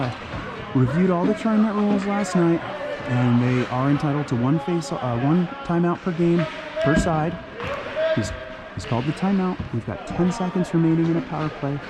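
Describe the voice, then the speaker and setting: A man giving amateur play-by-play of a youth hockey game from the stands, getting worked up and shouting encouragement between chatty, joking asides. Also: on the high side. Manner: chatty asides with dry jokes. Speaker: parent play-by-play commentator. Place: stands of an indoor ice rink. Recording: loud rink background noise.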